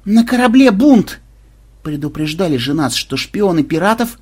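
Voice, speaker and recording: A man voicing a sharp-tongued young woman officer on a space cruiser, grumbling and quick to alarm. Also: mid-range voice, animated, breathy edge.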